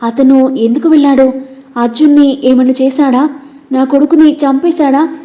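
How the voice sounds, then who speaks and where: An anxious middle-aged mother, fretting over her son, as a woman storyteller puts her on. The voice is fairly high and mellow, and the sound is dull. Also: fairly even intonation, a little fast, natural voice.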